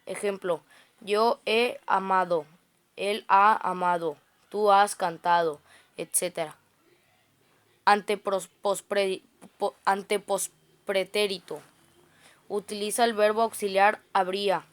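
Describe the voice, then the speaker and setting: A woman's voice: medium pitch, steady tone, slow pace, long pauses. A woman reading grammar study notes aloud, often stumbling and restarting words. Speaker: student reciting study notes.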